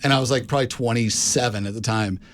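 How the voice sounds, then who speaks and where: A man's voice: mid-range voice, fairly even intonation, quick pace. A man co-hosting a casual talk show, telling a story in a rambling way, full of fillers and restarts. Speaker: co-host.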